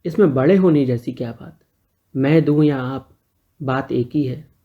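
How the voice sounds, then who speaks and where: A man's voice: medium pitch, a little slow, natural voice. Shy teasing young guy, read by a man storyteller, pleading questions, kinda muffled audio. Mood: playful.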